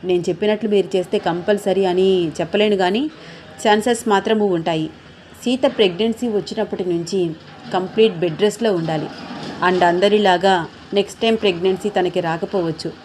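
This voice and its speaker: A woman's voice: medium pitch, fairly quick, darkish tone, slight background noise, close to an everyday voice. Woman reading as a frank kindly lady doctor. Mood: frank encouraging. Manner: frank, encouraging. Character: brisk, kindly woman gynecologist.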